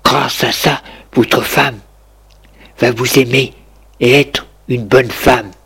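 A man voicing a chapel priest, speaking low in a half-whisper. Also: steady tone, slow, vocal fry, sharp tone, breathy edge, full character voice. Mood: solemn. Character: hushed old village priest, grave.

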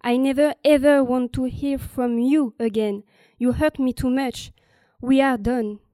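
A woman's voice: a little high, warm tone, no echo, natural voice. A woman playing a cold, cutting young woman in a student audio drama.

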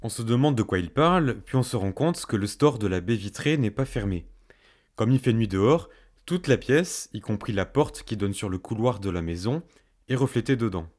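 Low-voiced young man telling a fireside story. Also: animated, moderate pace, a little mellow. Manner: self-mocking, colloquial, comic. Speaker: host and storyteller. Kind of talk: fireside storytelling, scripted first-person narration.

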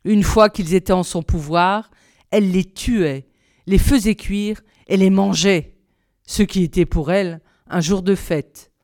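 A woman reading a fairy tale aloud in a measured, expressive storybook style. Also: mid-range voice, no room sound, clean studio sound. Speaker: reader.

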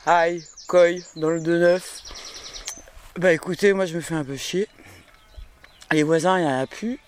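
A man's voice: a little high, fairly even intonation, unhurried, clear, resonant tone. A man recording a casual spoken diary outdoors in the countryside, grumbling in slang about being bored.

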